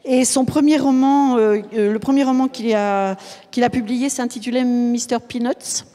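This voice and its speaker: A woman's voice: fairly high pitch, fairly even intonation, normal speed, mellow. A woman hosting a book festival panel, introducing guests with many hesitations and fillers. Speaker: host. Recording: long hall reverb.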